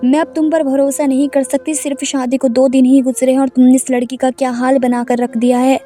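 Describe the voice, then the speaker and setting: A woman's voice: high voice, level tone, warm tone, faint music behind, natural voice. A woman voicing a middle-aged mother-in-law who speaks sternly and commands, in a narrated story.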